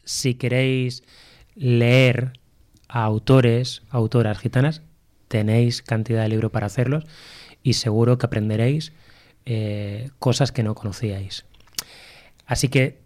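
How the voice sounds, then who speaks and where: A man's voice: mid-range voice, steady tone, a little slow, long pauses, a little mellow. A man hosting a radio talk show, joking and rambling, sometimes losing his train of thought. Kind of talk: casual chat.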